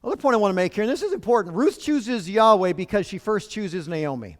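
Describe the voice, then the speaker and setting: A man's voice: high voice, animated, a little fast, big-room sound. A man preaching a sermon as pastor, in a conversational way with rhetorical questions.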